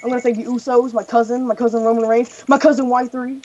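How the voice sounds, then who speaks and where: A woman's voice: a little high, level tone, fast talker, mellow, dull audio. A young woman chatting casually over a game, rambling and stumbling over her words. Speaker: co-commentator.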